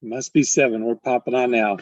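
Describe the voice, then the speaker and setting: A husky-voiced man presides over a club meeting held on a video call, trading easy small talk and welcoming each member by name. His words come through dull and lo-fi, and they sound close and dry with no room around them. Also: mid-range voice, steady tone, brisk, no echo. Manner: chatty, greets members by name, laughs often. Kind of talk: casual chat.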